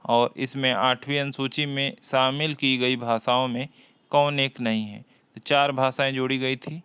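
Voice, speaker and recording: A man leads an exam-prep lesson at a slow, deliberate pace. His voice is smooth and clear, and he repeats each question before working through the answer. The sound is dry and a bit dull, as if close-miked in a small room. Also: mid-range voice, steady tone, fairly bright tone, no room sound. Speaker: Hindi teacher.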